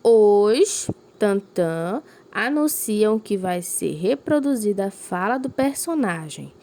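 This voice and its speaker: A woman's voice: medium pitch, lively intonation, mellow. A woman teacher giving a recorded lesson to young pupils, explaining patiently and checking in with them often. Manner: slow, clearly emphasized reading of examples.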